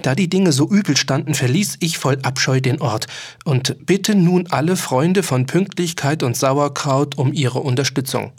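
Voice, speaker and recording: A man reading a story aloud as an audiobook narrator, in a measured, theatrical way. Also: mid-range voice. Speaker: audiobook reader.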